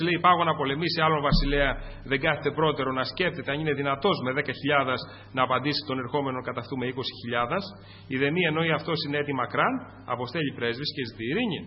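Greek guy preaching hard, loud then quiet, kinda muffled lo-fi sound in a big echoey church. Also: a little hiss or hum. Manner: fervent, swings between loud peaks and low asides. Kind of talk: sermon. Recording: muffled, echoing church recording.

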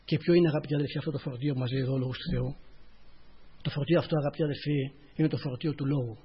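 Husky-voiced preacher on a dull recording. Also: male voice, steady tone. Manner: rising to emphatic then dropping to a low murmur. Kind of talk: sermon.

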